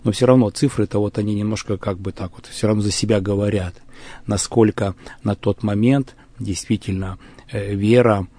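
Soft-toned man, halting and searching. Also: fairly low pitch, steady tone. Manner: halting, many fillers and restarts. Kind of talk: religious discussion.

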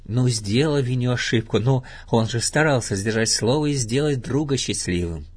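A man voicing a gentle, motherly female kangaroo in a storybook reading, soft and kindly. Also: medium pitch, moderate pace, husky, close to an everyday voice.

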